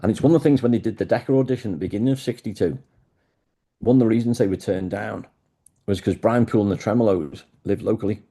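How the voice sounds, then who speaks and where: A man's voice: fairly low pitch, quick pace, warm tone, husky. A man who is a guest in an interview, telling stories with enthusiasm. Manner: enthusiastic storyteller. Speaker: guest, music historian. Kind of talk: conversational interview.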